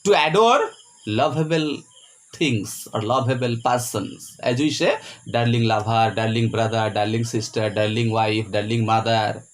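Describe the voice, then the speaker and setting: A man teaching a poem. He speaks with heavy emphasis, spells words out letter by letter and checks in with "Clear?". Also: medium pitch, unhurried. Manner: ends points with a rising "Clear?". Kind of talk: poetry lecture.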